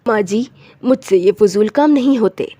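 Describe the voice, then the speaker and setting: A woman's voice: mid-range voice, moderate pace, mellow, no room sound, voice pushed down, close to an everyday voice. A woman voicing a rude, scornful young daughter-in-law in a cartoon story, talking harshly. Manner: harsh and insulting.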